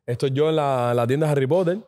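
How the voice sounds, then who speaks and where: A man's voice: medium pitch, fast talker, a little mellow. A man, co-hosting a podcast and telling rambling anecdotes in casual chat. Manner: rambling anecdotes with restarts and quoted dialogue. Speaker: podcast co-host.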